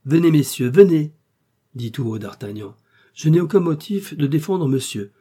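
A man voicing a bold young swordsman who gives orders in a raised, forceful voice. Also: mid-range voice, animated, moderate pace, breathy edge. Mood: commanding.

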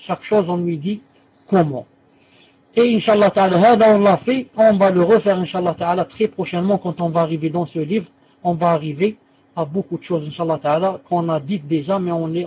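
A man's voice: sits high, slightly rough, dull audio. A man teaching a religious lesson and answering students' questions, patiently repeating key terms and correcting himself as he explains.

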